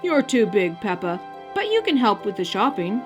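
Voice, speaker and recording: A woman's voice: medium pitch, big pitch swings, moderate pace, music in the background, natural voice. A woman voicing a jolly, sheepish father pig with a chuckling manner in a children's picture book.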